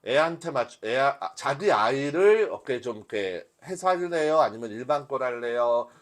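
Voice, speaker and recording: A workshop instructor, male, shows a class software live, speaking in an animated, medium-pitched voice at a moderate pace. His style is conversational, and he often asks questions only to answer them himself.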